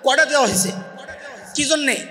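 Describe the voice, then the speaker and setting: High, bright-voiced shouting preacher. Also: male voice, fairly quick. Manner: shouted, quizzes the crowd and makes them repeat answers. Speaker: Islamic preacher. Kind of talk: Bengali waz sermon with call-and-response. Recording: long echoey reverb of a big space.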